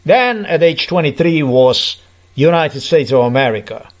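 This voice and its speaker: A man's voice: fairly high pitch, expressive, unhurried, highs cut off. A middle-aged man from Slovenia, delivering an aggrieved, repetitive personal monologue in English as a vlogger.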